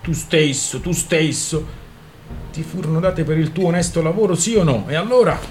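A man doing a gruff old shoemaker father. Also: mid-range voice, animated, brisk, a little hiss or hum, close to an everyday voice. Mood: scolding. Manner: barking, scolding.

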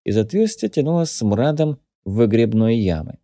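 Mellow-voiced male audiobook narrator. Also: medium pitch, sing-song, moderate pace, no room sound, studio quality. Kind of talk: scripted narration.

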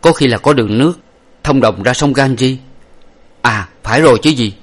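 A man voicing a brave young hero who laments loudly and blames himself. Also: medium pitch, normal speed, pitched above the performer's own voice, natural voice. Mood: resolute. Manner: lamenting, declamatory. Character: brave young male hero, grieving and self-blaming.

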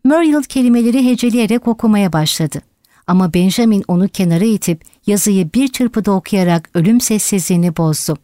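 A woman narrating an audiobook in a steady, dramatic reading style. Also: mid-range voice, fairly quick, no echo, studio quality. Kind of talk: scripted narration.

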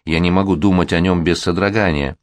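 A man's voice: deep voice, steady tone, fairly quick, no echo, lightly acted. A man reading as a gloomy reluctant young bride. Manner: pleading, gloomy.

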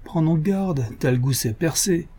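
A rude, grumbling cab driver from an old storybook, mocking and insulting in a raised voice, as a male reader does him. The tone stays husky underneath. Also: on the high side, measured pace, dark tone, voice pushed up.

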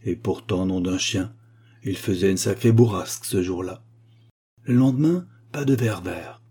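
A man reads a classic short story aloud in a measured, expressive way. His voice sits low and husky with a dark, mellow tone. The delivery is steady narration, shaped for listening. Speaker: audiobook narrator. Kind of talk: literary audiobook reading.

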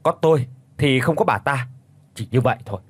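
A man voicing a shrill, spiteful middle-aged daughter-in-law in an audiobook, hissing and scornful. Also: very animated, moderate pace, no echo. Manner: hisses and shrieks, scornful.

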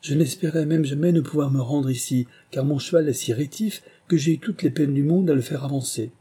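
A man's voice: a little high, brisk, mellow, husky, pitched above the performer's own voice. A man voicing a fashionable knight making excuses, in a read novel. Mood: excusing.

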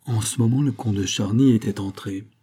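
A man narrating a classic novel in a calm, measured storytelling manner. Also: lowish voice, slightly rough. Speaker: audiobook narrator. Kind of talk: literary audiobook narration.

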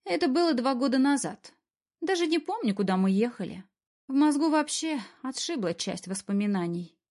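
Sullen teenage girl from an audiobook, higher voice, blunt and distrustful, done by a woman reader. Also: very animated, normal speed, darkish tone. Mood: pained. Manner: blunt, suspicious, talks back. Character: sullen defiant teenage girl missing a hand.

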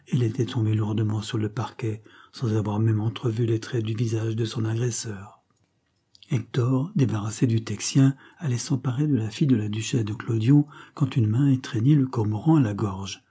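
A man's voice: fairly low pitch, mellow, husky. A man narrating an audiobook as a dramatic scripted reading.

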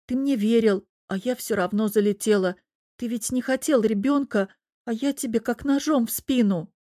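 A woman voicing a fiery, affectionate young pregnant wife in an audiobook, with a lively, quick-tempered manner. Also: fairly high pitch, no room sound, clean studio sound, pitched above the performer's own voice, natural voice. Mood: anxious. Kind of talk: audiobook character voice.

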